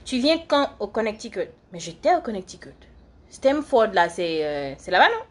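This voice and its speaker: A young woman talks loosely and chattily on a livestream. She rambles from one viewer question to the next while doing her makeup, and her voice sits at a middling pitch. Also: sing-song, moderate pace. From Côte d'Ivoire. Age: young adult. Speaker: live streamer and student. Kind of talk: casual livestream chat answering viewer comments.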